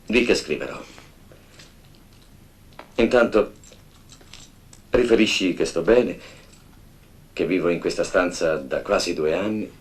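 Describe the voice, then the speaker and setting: A grave imprisoned apostle, speaks in a measured, softly admonishing film voice. His tone sits deep and low. He sounds calm, unhurried and serious. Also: heavily acted. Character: imprisoned male apostle, calm elder teacher. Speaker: actor in a film scene. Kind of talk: film drama dialogue.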